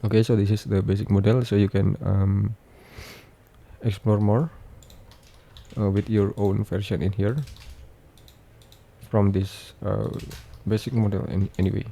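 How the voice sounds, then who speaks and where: A man with a lowish, very soft-edged and dark voice walks through a software tutorial one step at a time. His delivery is halting and repetitive, with frequent hesitations and a gravelly creak. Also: little pitch movement. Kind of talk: unscripted step-by-step screen tutorial narration.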